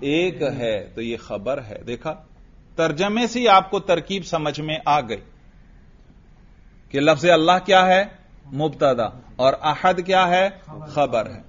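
Slow, patient male grammar teacher. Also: fairly high pitch, animated, dull audio. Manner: slow, patient, quizzing with repeated questions. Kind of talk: classroom grammar lesson with drills.

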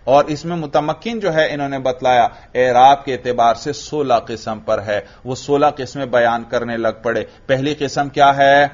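Man teaching grammar, questioning the class. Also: mid-range voice. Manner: asks the class questions and answers them himself, repeats key terms slowly. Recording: dull lo-fi recording.

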